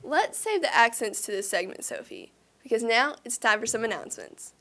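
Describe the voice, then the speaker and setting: A woman's voice: fairly high pitch, very animated, normal speed, a bit bright. A teenage girl co-anchoring a student news show, reading announcements cheerfully. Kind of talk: scripted school news reading.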